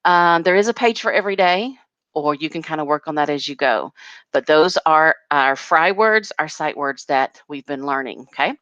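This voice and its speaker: A woman's voice: low voice, expressive, moderate pace, a bit bright, clear, resonant tone, no room sound, dull audio. A woman kindergarten teacher patiently walking parents through a home learning packet, step by step.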